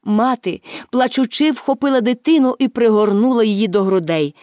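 A woman narrating a children's story aloud, expressive and with dramatic pauses. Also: fairly high pitch, no echo, clean studio sound.

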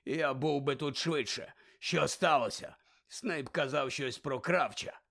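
A man's voice: mid-range voice, a little slow, pushed and bright, heavily acted. A man doing a growling grumpy old wizard. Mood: gruff. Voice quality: gravelly, growling.

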